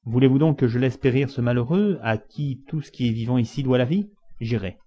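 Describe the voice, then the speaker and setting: A man reading the part of a calm, resolute English gentleman, cool and measured. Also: mid-range voice, breathy edge, close to an everyday voice. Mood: firm. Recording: dull lo-fi recording.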